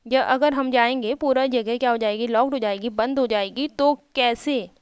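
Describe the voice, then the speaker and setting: A woman teaching, reading a storybook in English slowly and then explaining it at length with rhetorical questions. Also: a little high, clean tone, no room sound. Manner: repeats and rephrases, asking rhetorical questions.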